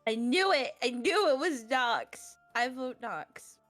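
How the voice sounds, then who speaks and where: High, slow-talking giggly woman. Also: animated, fairly bright tone, no room sound, soft background music. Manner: giggly and teasing. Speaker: game player. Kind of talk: casual chat.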